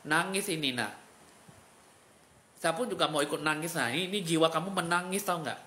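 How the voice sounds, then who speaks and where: A man's voice: a little high, brisk, sharp tone. A man giving a live fortune reading as a spiritual fortune-teller, in a dramatic, pitying and emotional way.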